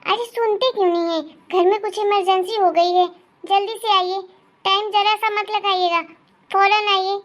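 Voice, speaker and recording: A scheming elder daughter-in-law from a cartoon, bossy and scornful, as a woman voices her. Her voice sits very high and thin. She orders people about. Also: steady tone, normal speed. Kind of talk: cartoon voice acting.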